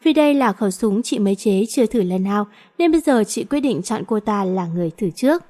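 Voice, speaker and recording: A woman reading as a calm, self-assured older sister who leads a gang, with a faintly menacing edge. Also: mid-range voice, fairly quick, natural voice. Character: cool, commanding older sister, gang leader.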